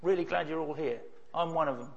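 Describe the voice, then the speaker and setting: A man delivering a sermon with a fairly high voice. He talks conversationally, tosses out rhetorical questions and dry asides. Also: brisk, vocal fry, lo-fi sound. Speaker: pastor.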